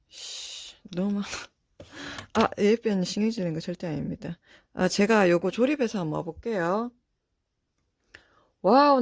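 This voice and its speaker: A woman's voice: medium pitch, darkish tone, dry recording. A woman chatting casually while she unboxes toy figures, often exclaiming and talking to herself.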